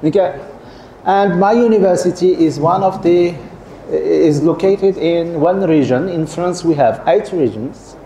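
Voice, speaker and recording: With a fairly high, mellow voice at a measured pace, a middle-aged Algerian man lectures students as a visiting professor in a seminar. The lecture hall is echoey with a light hum; he regularly checks in with the audience and tends to repeat and restart his phrasing.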